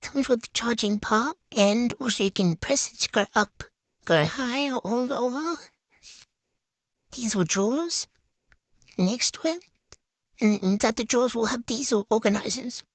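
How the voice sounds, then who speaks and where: A vlogger with a slightly high voice gives a casual, chatty show-and-tell voice-over, with no room sound. She sounds hesitant and unscripted, often trailing off.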